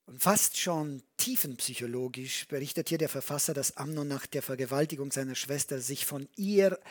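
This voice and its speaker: A preacher giving a sermon, reading verses aloud and retelling the story with animated commentary. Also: medium pitch, slightly rough.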